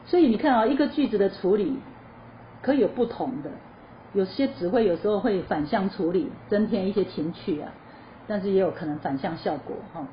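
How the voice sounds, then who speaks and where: A woman teaching a choir lesson, explaining musical phrasing in a lively, chatty way and asking her listeners questions before answering them. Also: mid-range voice, fairly quick. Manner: lively explanatory, sings short demo phrases. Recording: slightly dull lo-fi recording with faint noise.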